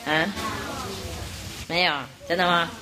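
Speaking slowly in a low, level voice against a noisy background, a woman teaches an audience through jokes. Her delivery is playful and rambling, full of forgetful asides, and she often laughs between lines.

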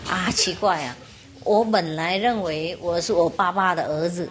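A woman voicing a cheeky, naive little kindergarten boy in a funny story, speaking in a high, earnest childlike voice. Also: steady tone, moderate pace, natural voice.

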